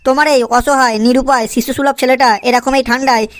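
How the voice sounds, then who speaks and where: Brief: woman doing a lazy young cartoon guy, high, rapid, whiny and cheeky. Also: level tone, no echo, close to an everyday voice. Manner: whiny and cheeky, corrects his father's English. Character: lazy whiny young man pestering his father. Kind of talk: cartoon comedy voice acting.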